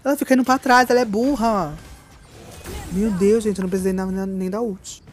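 A woman's voice: medium pitch, brisk, darkish tone, soft background music. A woman giving live gameplay commentary, campy and theatrical, with playful swearing at her opponents. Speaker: gaming streamer.

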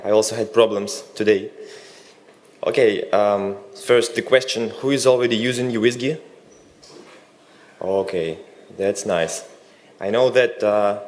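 A man from Russia giving a technical conference talk, with relaxed joking asides. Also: on the low side, a little hiss or hum. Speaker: conference speaker. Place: conference hall.

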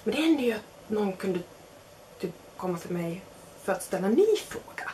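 A woman's voice: mid-range voice, a little hiss or hum. A young woman casually telling a self-mocking anecdote, acting out the other people in it. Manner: animated, self-mocking, acts out quotes. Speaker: storyteller.

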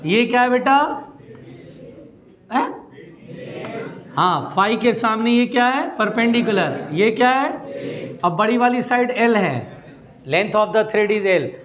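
A man's voice: high-pitched, expressive, slow pace, long pauses, fairly bright tone. A male physics teacher, giving a classroom lecture in a chatty, teasing way, coaxing his students along.

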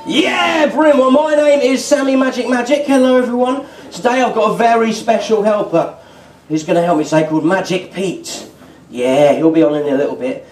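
With a high, slightly mellow voice and fairly quick delivery, a middle-aged British man does lively kids' magic-show patter on a festival marquee stage, calling out questions to the children. The sound comes through an echoey tent PA, recorded at a distance by an audience camera.

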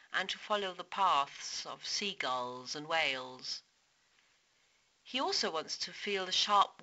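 A woman's voice: on the low side, pushed and bright, highs cut off. A woman teaching a poetry lesson, explaining meter and imagery step by step. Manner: explanatory, stresses meter aloud. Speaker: literature teacher. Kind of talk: poetry analysis lecture.

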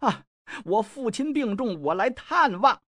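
A man voicing a desperate young nobleman who begs slowly and tearfully to see his dying father. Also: very high voice, big pitch swings, sharp tone, no room sound, clean studio sound, pitched above the performer's own voice, full character voice. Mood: pleading. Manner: pleading, drawn-out, tearful. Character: desperate pleading young nobleman, eldest son.

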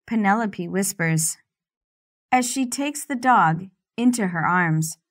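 A woman narrating a first-person romance audiobook in a steady, unhurried reading voice. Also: mid-range voice.

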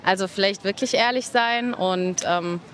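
A young woman answering a street interviewer's mic, frank and thoughtful with some hesitant pauses. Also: medium pitch, slight background noise. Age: young adult. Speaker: passer-by interviewee. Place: busy city shopping street outdoors. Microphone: handheld microphone held by interviewer.

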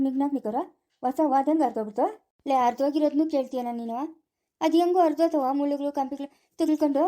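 A woman with a Chikkaballapura Kannada accent, loudly scolding in a rural family skit. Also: high voice. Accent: Kannada, Chikkaballapura area. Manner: loud scolding village dialect.

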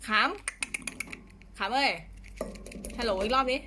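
Slow, doting woman coaxing her pets. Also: a little high, background noise. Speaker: pet owner streaming live to fans. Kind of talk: casual live-stream chat. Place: home condo room.

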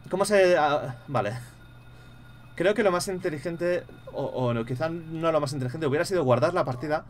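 A young man with a Spain Spanish accent, commentating a horror game live, muttering to himself and bursting into loud startled swearing. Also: a little high, moderate pace, slight background noise. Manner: mutters quietly to himself between outbursts. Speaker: gaming streamer.

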